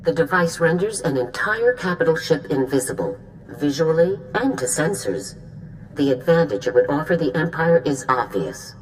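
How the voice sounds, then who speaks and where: Female game general, deep for a woman, lively intonation, authoritative, dry. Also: normal speed, low-quality recording. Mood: urgent, commanding. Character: stern, commanding female military general. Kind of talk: video game cutscene acting. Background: music.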